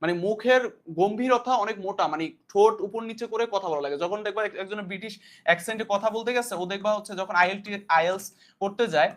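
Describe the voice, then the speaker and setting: High-voiced man teaching a class. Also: quick pace. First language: Bengali. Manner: explains in loose spoken Bangla, repeating points and asking questions back. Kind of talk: casual classroom lecture.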